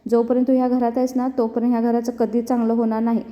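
A bitter, scolding mother-in-law who hurls insults, as a woman reads her part. The voice sits high with a very dark tone. The recording is dull and echoes. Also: monotone, rapid-fire, lightly acted. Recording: dull, reverberant room recording.

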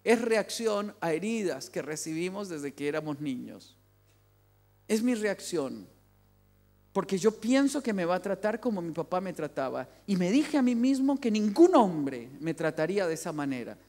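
A man's voice: high voice, very animated, moderate pace, darkish tone. Man preaching about family, punchy and repetitive, church hall talk. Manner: emphatic, repeats key phrases. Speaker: family speaker. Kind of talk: sermon.

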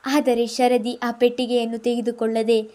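Woman storyteller, Kannada accent, warm and fairly high, steady read-aloud delivery. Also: moderate pace. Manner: reads in an even storytelling voice, lifting it slightly for the characters' lines. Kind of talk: reading a serialized novel aloud.

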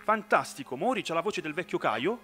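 Excitable man narrating a game. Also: on the high side, brisk, faint music behind. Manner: excitable, talks to viewers constantly. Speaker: gaming let's-play host. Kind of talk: excited casual gameplay commentary.

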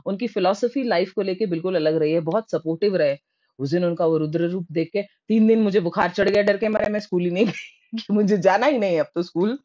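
A woman from Rajasthan telling her own childhood memories in a lively, animated way, slipping English words into her speech. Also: medium pitch, brisk, dull audio. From Rajasthan, India. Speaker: storyteller. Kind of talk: personal storytelling.

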